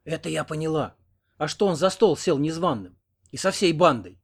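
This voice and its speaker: A man's voice: on the high side, animated, normal speed, husky, pitched above the performer's own voice. A man reading an audiobook, voicing a feisty old village woman who speaks bluntly. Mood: bewildered.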